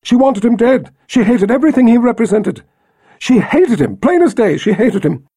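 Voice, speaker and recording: A nervous, babbling sorceress, as a man puts her on, quick and rising in pitch. Her voice jumps around with lively, animated swings and a breathy edge. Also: no room sound, clean studio sound, full character voice. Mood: flustered.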